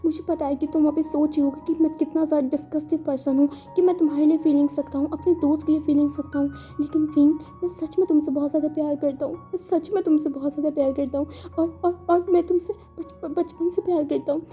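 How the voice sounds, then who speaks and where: A bashful young man stumbles over his words, repeating himself as he fights back tears, voiced by a woman telling a fan story. The voice sits high and dark, and the recording sounds dull and muffled. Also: little pitch movement, brisk, hardly any pauses, faint music behind, natural voice. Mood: tearful. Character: shy tearful young man confessing love.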